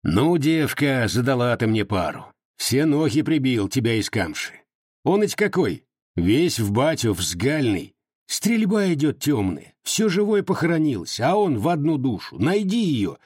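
A man voicing a gruff, plainspoken rustic Cossack in an audiobook, talking in rough dialect with a husky voice. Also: mid-range voice, sing-song, unhurried, a little mellow, no room sound, studio quality. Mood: blustery.

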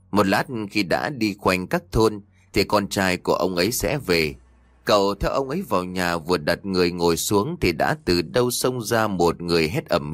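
A man narrating a story in an expressive way. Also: deep voice, no room sound, studio quality.

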